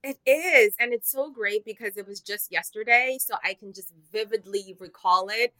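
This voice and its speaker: A woman's voice: medium pitch, moderate pace, sharp tone, no room sound, low-quality recording. A woman in her thirties from Zimbabwe, a TV host who is a guest on a podcast, telling stories with playful, self-mocking humor. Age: 30s. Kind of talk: casual interview chat.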